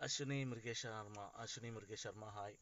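A man's voice: fairly low pitch, steady tone, fairly quick, a bit bright, lo-fi sound. A male actor on a phone live stream, casually chatting, reading out comments and greeting viewers by name.

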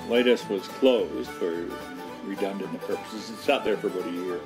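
A Canadian man in his fifties with a fairly low voice explains things in a measured, steady way. He is recorded close up in a small indoor room, with faint music in the background. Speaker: former lighthouse keeper's son. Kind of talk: casual demonstration and reminiscence.

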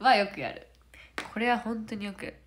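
A woman chats casually on a livestream, giggling often and drifting between soft murmurs and brighter bursts. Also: a little high, steady tone, brisk, slight background noise. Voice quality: nasal. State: stuffy nose. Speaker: idol trainee on a livestream. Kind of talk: casual livestream chat answering comments. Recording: roomy echo.

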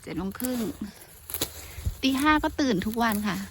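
A woman in her thirties from Thailand, chatting casually to her phone camera as she tends a vegetable field, often breaking into excited exclamations. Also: a little high, normal speed, noisy background. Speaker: vlogger. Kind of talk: casual chat while gardening. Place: outdoor vegetable field in rural Japan. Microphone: handheld phone camera.

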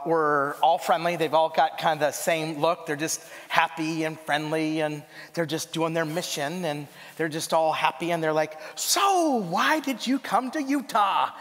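A man with a high voice, from Idaho, preaches to a congregation. He tells stories in a loose, conversational way and keeps asking the room rhetorical questions. His voice rings out with a long echo through the sanctuary. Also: a bit bright. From Idaho, USA. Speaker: missionary preacher. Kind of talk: storytelling sermon. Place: church sanctuary. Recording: long church reverb.

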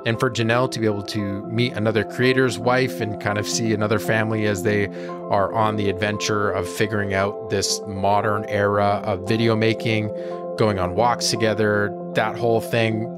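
A man in his thirties narrating his travel vlog in a relaxed, enthusiastic way. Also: fairly low pitch, brisk, loud music behind the voice. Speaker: vlogger. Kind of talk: casual voice-over narration.

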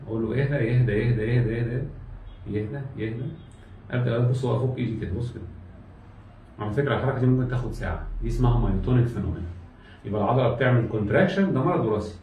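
Rapid-fire Egyptian man lecturing. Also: mid-range voice, darkish tone, far from the mic, slight background noise. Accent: Egyptian Arabic. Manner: repetitive, drilling students, acts out exam steps. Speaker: medical lecturer. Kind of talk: classroom lecture. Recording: echoey room, speaker off-mic.

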